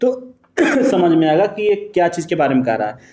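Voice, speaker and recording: A man teaching exam-prep material, explaining each answer choice patiently and tossing rhetorical questions at his students. His voice sits slightly high but sounds dark and mellow. The room around him is echoey. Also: big pitch swings, fairly quick. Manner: corrects himself mid-sentence; addresses students fondly as "babu".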